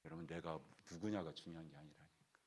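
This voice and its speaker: A male pastor preaching a weekday morning sermon, swinging from loud exclamations down to hushed asides. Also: a bass voice, steady tone, quick pace. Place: church sanctuary.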